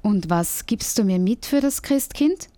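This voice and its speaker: A sleepy, grumbling big bear from a children's radio story, as a woman reads him. He talks slowly and warmly. The recording is dry and close. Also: medium pitch, lively intonation, no room sound, lightly acted. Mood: grumpy, sleepy. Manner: grumbling and unhurried.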